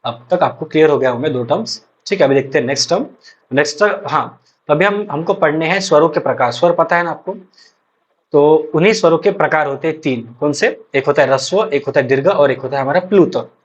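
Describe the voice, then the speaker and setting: A young man, teaching an exam-prep lecture and repeating points slowly with frequent check-ins. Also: fairly high pitch, breathy edge. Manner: explains slowly with many repetitions and check-ins. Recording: dull lo-fi recording.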